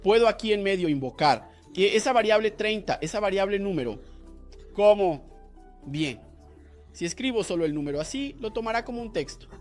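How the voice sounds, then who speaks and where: A man's voice: sits high, lively intonation, normal speed, faint music behind. A man teaching a coding lesson, explaining each step and asking rhetorical questions to the viewer. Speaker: programming instructor. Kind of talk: screen-recorded coding lesson.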